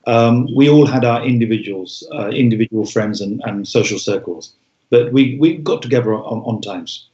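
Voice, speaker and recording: A man in his forties, born in Bangladesh, talks through his answers as an interview guest. He is reflective and often pauses to restart a thought. His voice sits at a middle pitch, and the echoey room is recorded with a dull, muffled tone. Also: warm tone. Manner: reflective, frequent ums and restarts. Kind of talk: interview conversation.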